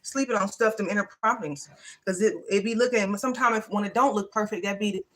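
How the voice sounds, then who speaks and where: A woman's voice: medium pitch, fast talker, a bit bright. A woman hosting a livestream, giving a casual, emphatic motivational talk in a folksy, everyday way. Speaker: livestream host.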